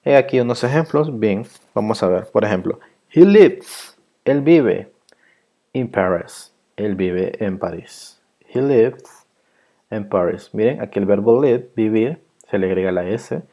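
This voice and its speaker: A man teaching an English grammar lesson, explaining rules patiently and repeating each example slowly. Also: lowish voice, dark tone.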